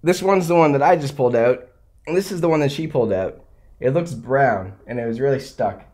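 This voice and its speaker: A woman's voice: very deep voice, expressive, a little fast, mellow. A woman hosting a casual taste test, chatting while she sucks on sour candy. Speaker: host of a candy tasting video.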